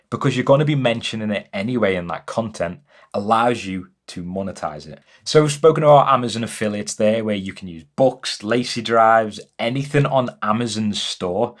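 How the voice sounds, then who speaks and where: Brief: young guy, slightly low voice, enthusiastic and chatty, home studio explainer. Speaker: music business educator. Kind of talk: casual to-camera explainer. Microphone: camera-mounted mic.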